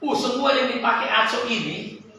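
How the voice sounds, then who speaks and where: A man preaching a sermon and telling a personal story, with an animated voice that climbs and sinks sharply. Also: very high voice, moderate pace, a little hiss or hum. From Sulawesi, Indonesia. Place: church service hall. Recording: echoey church hall, from a distance.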